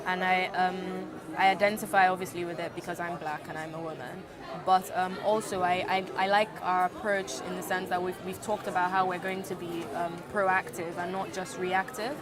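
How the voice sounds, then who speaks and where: A woman's voice: fairly low pitch, little pitch movement, moderate pace, crowd noise. A young woman from Nigeria, a student, answering interview questions in a hesitant way, full of fillers and restarts. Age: young adult.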